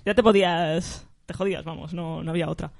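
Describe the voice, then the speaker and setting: A man chatting casually and in a relaxed way as a podcast co-host. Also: fairly high pitch, fairly quick, vocal fry, dry recording, clean studio sound. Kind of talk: casual chat.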